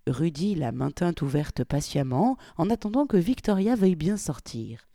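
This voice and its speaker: A woman with a low voice reads a novel aloud in a measured storytelling manner. Her delivery is lively, with a wide melody. The recording is dry and close. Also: no room sound. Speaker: audiobook reader. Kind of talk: scripted narration.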